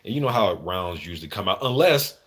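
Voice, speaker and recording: A man hosts a live boxing commentary stream, chatting casually with viewers in slangy, informal talk with some swearing. His voice is low-pitched, husky and animated, moving at a quick pace.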